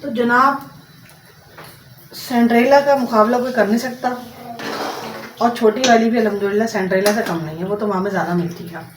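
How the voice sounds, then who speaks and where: A woman talks on in a loose, rambling home-vlog chat, dropping English words into her speech as she cooks. Her voice sits a little high. The mic is far from her in a reverberant room, with clear household noise behind her. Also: fairly quick, pauses often. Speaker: home vlogger. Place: home, cooking in the kitchen. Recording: roomy, distant mic with noisy background.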